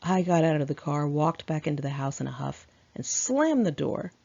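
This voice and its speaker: Reading her own memoir aloud, a woman speaks with a low, gravelly vocal fry in a dark, mellow tone. She is candid and sassy at a moderate pace with lively intonation, as though chatting with friends, on a slightly dull home recording.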